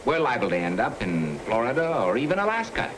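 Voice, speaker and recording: An actor playing a cool, bossy crook in a 1930s screwball comedy film, with clipped, wry banter. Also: male voice, mid-range voice, huge pitch swings, a little fast. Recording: noisy old 1930s film soundtrack.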